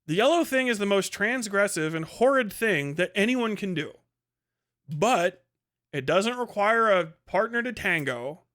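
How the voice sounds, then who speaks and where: An American livestream host rants unscripted while answering chat, blunt, profane, exasperated and argumentative, repeating points for emphasis. His high voice is fairly bright, clear and resonant.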